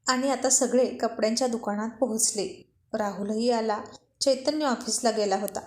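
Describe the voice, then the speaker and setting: A woman's voice: on the high side, moderate pace. Woman storyteller in an echoey room. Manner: steady storytelling. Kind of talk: serial story narration.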